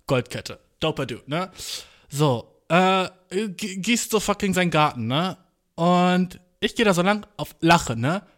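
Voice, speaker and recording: Young man, podcast host, casual monologue, slangy, self-mocking, slightly high pitch. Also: lively intonation, a little slow, fairly bright tone. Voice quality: slangy, swears a lot, mixes in English. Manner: self-mocking, laughs often, acts out his own thoughts.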